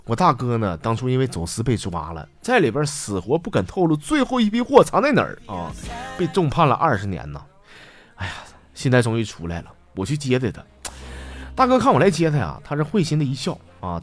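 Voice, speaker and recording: Lively man. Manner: lively, playful, swings pitch for effect. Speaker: host reading listener jokes. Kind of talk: comic storytelling.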